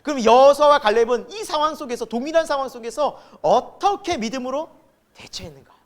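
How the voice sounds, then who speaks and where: In this Sunday sermon the pastor's voice is very high and expressive, running a little fast. He poses rhetorical questions to his congregation, performs quoted voices, and alternates abrupt loud stresses with quiet asides.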